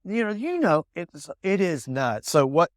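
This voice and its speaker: A man's voice: sits high, sing-song, a little slow, no echo, clean studio sound. A middle-aged man co-hosting a casual podcast, talking with enthusiasm and acting out quoted dialogue. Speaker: co-host.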